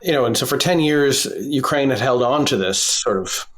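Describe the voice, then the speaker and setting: A man reporting by phone from a basement as a foreign correspondent, measured and full of fillers and restarts. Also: medium pitch, a bit bright. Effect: phone line. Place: basement in a war zone.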